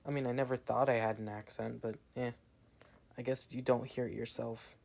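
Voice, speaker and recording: This gameplay commentator is a young Southern man whose medium-pitched voice is gravelly and darkish, with a level tone and a fairly quick pace. He chats in a meandering, rambling way while playing a video game, dropping "like" often and trailing off into asides, all in a Southern American accent.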